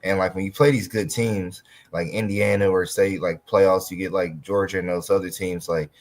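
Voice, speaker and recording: A man co-hosting a casual college football talk show, talking in a halting way with frequent restarts. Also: deep voice, steady tone. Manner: halting, stumbles and restarts often. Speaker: sports podcast co-host.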